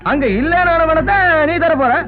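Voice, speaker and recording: A man's voice: very high-pitched, moderate pace. An actor playing a whiny, wheedling comic henchman in a comic film, with a tinny soundtrack and music.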